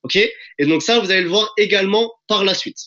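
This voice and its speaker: A man delivers a hyped sales pitch over a video call from his home, pressing his listeners and calling them friends. His voice sits high and sounds bright and forceful. The call audio is dull and lo-fi. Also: a little fast. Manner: enthusiastic and pushy, addresses audience as friends. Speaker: presenter of a recruiting webinar.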